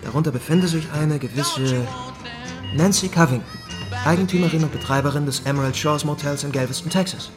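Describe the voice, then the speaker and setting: In a crime radio drama, an actor plays a young adult male lawyer acting as a coolly menacing go-between for gangsters, issuing veiled threats in a formal, deliberate manner. His voice is a little high and close to an everyday voice. Loud music plays behind him.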